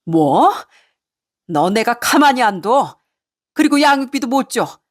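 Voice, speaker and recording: A woman voicing a furious older mother-in-law who yells and scolds in a raised, strained voice. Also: fairly high pitch, sing-song, unhurried, pitched above the performer's own voice. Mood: threatening. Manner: yelling, scolding, demanding.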